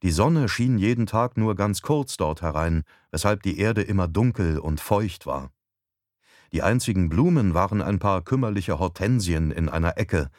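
A man narrating a literary novel in the first person, calm and reflective. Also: low voice, normal speed, dry recording, studio quality. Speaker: audiobook narrator.

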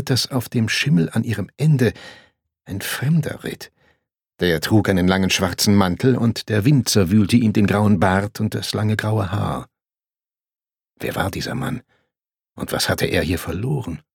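A man reading a historical novel aloud as an audiobook narrator, in a measured storytelling manner. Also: fairly low pitch, vocal fry, husky, no room sound, clean studio sound.

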